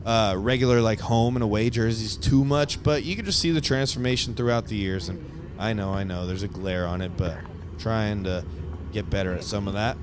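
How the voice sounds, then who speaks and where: A man's voice: lowish voice, normal speed. Enthusiastic man narrating over city noise. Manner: enthusiastic, rambling with fillers. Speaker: vlogger giving a stadium tour.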